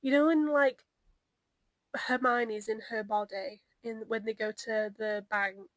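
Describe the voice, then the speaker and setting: A woman's voice: fairly high pitch, takes it slowly, no room sound, poor audio. A young woman co-hosting a podcast, chatting casually and telling stories animatedly. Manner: animated storytelling, acts out her own past reactions. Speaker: podcast co-host. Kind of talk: casual chat.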